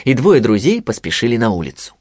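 A man reading a children's storybook aloud in an expressive, lilting way. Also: medium pitch, brisk, dry recording, studio quality. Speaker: narrator.

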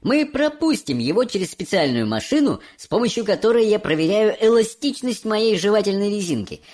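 A man's voice: sits high, very animated, fairly quick, a little mellow, voice pushed up. Man doing a bouncy eccentric candy maker. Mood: explaining. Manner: bouncy, theatrical. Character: eccentric bearded candy maker, cheerful and brisk.

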